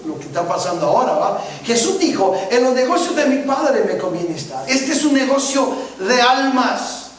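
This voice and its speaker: A man's voice: very high voice, big pitch swings, normal speed. A man preaching a sermon as pastor, often checking that the congregation follows him. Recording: very echoey church from far off.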